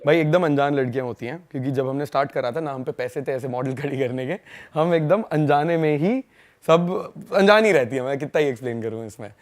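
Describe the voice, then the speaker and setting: A young man from India, a podcast guest, telling stories in a fast, slangy, casual way and laughing along. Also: medium pitch. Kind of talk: casual storytelling chat.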